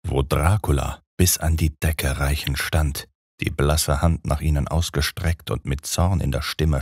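A man narrating a gothic audiobook in a dramatic, measured storytelling manner. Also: very deep voice, a little mellow, dry recording, clean studio sound.

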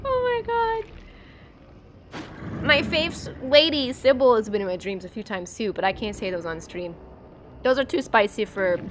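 Against a noisy background, a young woman with a medium-pitched voice and an American accent from the East Coast of the United States livestreams a game. The streamer chats casually with her viewers, giggling and using lots of fillers.

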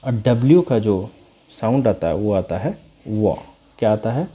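A man's voice: fairly low pitch, lively intonation, a little slow, warm tone, breathy edge. A man teaching English letter sounds, repeating each sound and quizzing the viewer with call-and-response questions. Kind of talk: slow repetitive phonics lesson.

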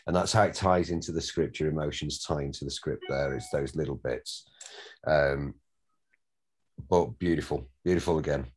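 Low-voiced Northern director giving notes. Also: male voice, darkish tone, husky. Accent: Northern English. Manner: rambling, repeats words, swears casually. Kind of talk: giving notes at a script read.

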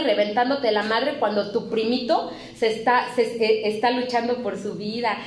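Profane, high-voiced Mexican woman. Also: echoey room, slight background noise, rough recording. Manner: blunt and profane, emotional storytelling. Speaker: psychologist speaking at a recovery clinic. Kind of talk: candid testimony talk to a recovery group. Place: meeting room at a rehab clinic.

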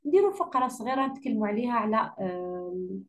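A woman with an Algerian Arabic accent correcting an English exam for her students, patiently repeating key words slowly. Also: fairly high pitch, expressive. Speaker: English teacher.

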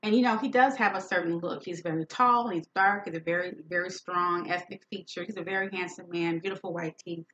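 A woman's voice: lowish voice, steady tone, fairly quick, few pauses, fairly bright tone, muffled recording. A woman host candidly retelling a friend's painful story in a personal talk, speaking with emphasis.

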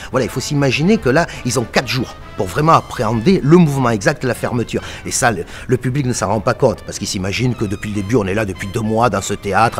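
A man in his forties, a theatre director, talking enthusiastically and emphatically in an interview. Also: mid-range voice. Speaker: theatre company artistic director. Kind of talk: interview talk. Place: seated in an empty theatre auditorium.

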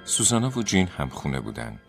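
A man from Tajikistan narrating horror stories with a measured, dramatic delivery, in a noisy recording with crickets outside. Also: very deep voice, big pitch swings, soft background music. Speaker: storyteller. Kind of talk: scripted horror story narration. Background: crickets chirping.

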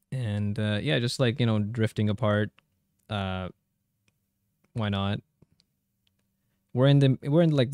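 Male gaming tech host, informal and chatty, gravelly edge, very dry close-miked sound. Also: on the low side, darkish tone, dry recording. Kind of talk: casual gameplay commentary and tutorial.

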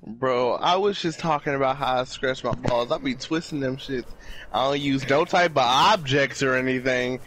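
A young man chatting casually with friends over voice chat, swearing freely and breaking into laughter that cracks his voice up high. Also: moderate pace, a bit bright, a little hiss or hum, rough recording. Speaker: channel host.

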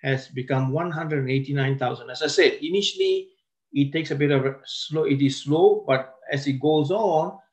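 A man's voice: a little high, darkish tone. Man giving a seminar lecture. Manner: slow, stressed key words with frequent restarts. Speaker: seminar presenter.

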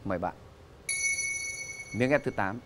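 A man hosting a game show in a lively way, announcing answers and prompting contestants. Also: fairly low pitch, measured pace. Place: TV studio with audience. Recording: studio show with music and crowd. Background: music and audience noise.

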